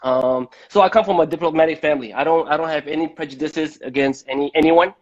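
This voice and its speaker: Talking fast at a fairly high pitch, this Malaysian host runs a relaxed live-stream debate interview, frequently repeating words before moving on. The stream's lo-fi audio is dull.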